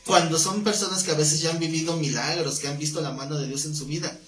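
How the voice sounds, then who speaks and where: A man's voice: fairly high pitch, fairly even intonation, quick pace, fairly bright tone. A man teaching a live-streamed Bible class in a conversational way, often asking his listeners questions. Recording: roomy sound with faint background noise.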